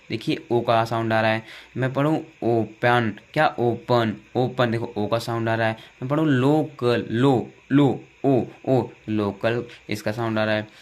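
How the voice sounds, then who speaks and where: A young man with a Hindi accent, teaching English vowel sounds by asking questions and answering them himself, with lots of repetition. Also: mid-range voice. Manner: repetitive call-and-response drilling, asks and answers himself.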